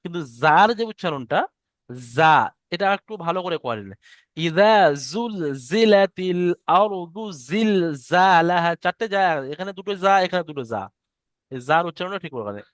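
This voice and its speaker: A man teaching Quran recitation in an online lesson, chanting verses slowly and explaining pronunciation patiently. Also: fairly high pitch, animated, a bit bright, no echo, clean studio sound.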